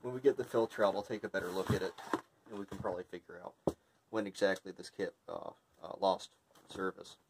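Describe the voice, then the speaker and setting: A man's voice: deep voice, fairly even intonation, fairly quick, gravelly, noisy background. A man giving a casual, unscripted hands-on product review, thinking aloud in a hesitant way. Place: indoor room with tiled floor.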